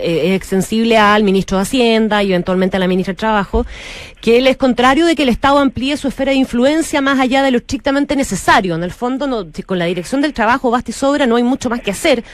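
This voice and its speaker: A woman's voice: on the high side, fast talker. Probing Chilean woman radio host. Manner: probing, restarts questions. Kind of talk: radio interview.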